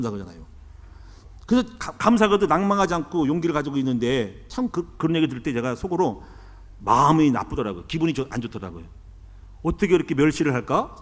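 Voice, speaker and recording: A middle-aged male pastor from South Korea delivers a sermon in a church sanctuary. He talks quickly with a lively, swooping pitch, slipping into quoted asides as he preaches. His voice carries a long hall reverb.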